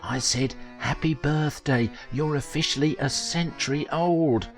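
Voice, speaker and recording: A man voicing a friendly woman passer-by who speaks softly and cheerfully. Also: mid-range voice, big pitch swings, normal speed, soft background music, voice pushed up. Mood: hushed. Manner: soft, hushed, cheerful.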